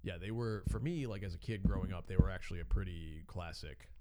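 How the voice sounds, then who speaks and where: A man in his thirties chats casually, telling a story with a slightly low voice. He laughs often and drops into put-on voices when he quotes someone. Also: brisk, background noise. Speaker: podcast co-host telling a wrestling story. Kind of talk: casual chat.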